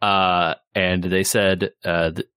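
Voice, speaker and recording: A man co-hosting a podcast, chatting casually about gaming news in a relaxed, rambling way. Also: low-pitched, slow, clean tone, dry recording, studio quality. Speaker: podcast co-host.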